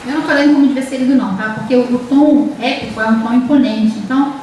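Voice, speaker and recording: A woman's voice: on the high side, quick pace, darkish tone, a little hiss or hum. A Brazilian woman professor giving a university literature lecture, explaining with many fillers and restarts and reading verse aloud. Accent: Brazilian Portuguese. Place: classroom. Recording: echoey classroom from far off.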